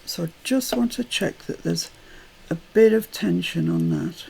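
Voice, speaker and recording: A woman's voice: lowish voice, a little slow, gravelly, mellow, breathy edge. An older British woman chatting through a crafting tutorial at home, rambling into asides as she works.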